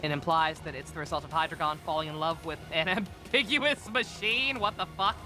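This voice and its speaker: A man's voice: a little high, fairly quick, over music. A man giving casual, sweary, joking commentary while streaming a video game.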